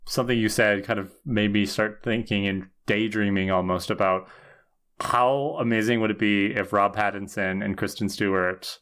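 A man's voice: fairly low pitch, fairly even intonation, moderate pace, fairly bright tone, clear, resonant tone. A young man co-hosting a casual movie review chat, easygoing with a dry, slightly hesitant way of talking. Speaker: podcast co-host.

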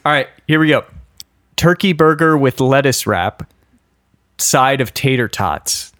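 A man's voice: mid-range voice, lively intonation, unhurried, a bit bright, no echo. A man co-hosting a podcast in casual chat, dry and teasing, reading out old notes. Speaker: podcast co-host.

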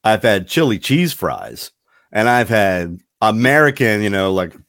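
A man's voice: fairly low pitch, very animated, unhurried, fairly bright tone, no echo, clean studio sound. A man hosting a casual podcast chat, rambling and wandering off on tangents. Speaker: podcast host.

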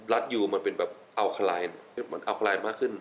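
Enthusiastic man with a lower voice. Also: steady tone, measured pace, a little hiss or hum, poor audio. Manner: enthusiastic, laughs often, repeats words. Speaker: wellness guest. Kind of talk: casual interview chat mixing English.

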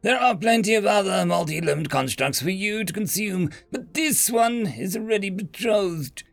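A man's voice: sits high, lively intonation, moderate pace, gravelly, soft background music, pitched above the performer's own voice. A man voicing a haughty, menacing tentacled alien overlord father who hisses and snarls in formal speech. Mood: stern. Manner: hissing, snarling, formal and imperious.

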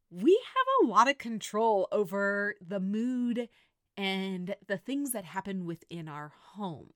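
Earnest woman host in her thirties, faith-based reflection, lively delivery, dry mic. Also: medium pitch, no echo. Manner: earnest, animated, talks to listeners directly. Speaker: podcast host.

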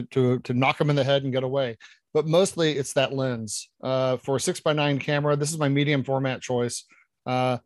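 A man's voice: medium pitch, no room sound. A man in casual panel chat, talking with enthusiasm and rambling through many restarts. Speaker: podcast panelist.

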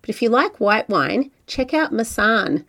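A woman's voice: on the high side, sing-song, a little slow, gravelly, bright, forceful tone. A woman with an Australian accent hosts a wine travel podcast. She reads her narration in a friendly, conversational way and then chats easily with her guest. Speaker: podcast host. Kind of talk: scripted narration and casual interview.

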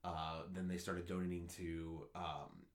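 In a low voice and at a measured pace, a sports podcast co-host eagerly spins a story in a casual setting. His telling is rambling and excitable, full of restarts.

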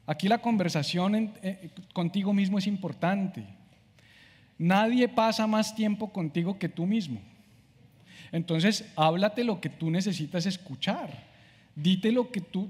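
High-voiced pastor in a hall. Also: male voice, a little slow, a little mellow, slightly rough. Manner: conversational preaching, acts out talking to himself. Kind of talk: sermon.

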